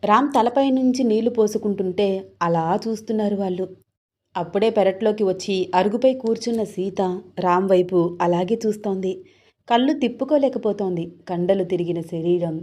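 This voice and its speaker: A woman storyteller reads a romance aloud in a smooth, even manner. Her voice is mellow and soft-edged, at an ordinary pitch for a woman. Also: moderate pace. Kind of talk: scripted story narration.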